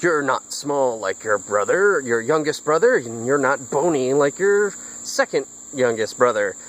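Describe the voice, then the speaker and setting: A man's voice: medium pitch, very animated, unhurried, fairly bright tone, low-quality recording. A man doing a dim, hungry bridge troll. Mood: greedy.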